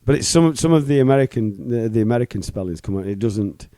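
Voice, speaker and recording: A middle-aged man co-hosts a podcast, talking fast in a mid-range voice with no room sound. His banter is crude and casual, full of teasing, swearing, and lively laughter.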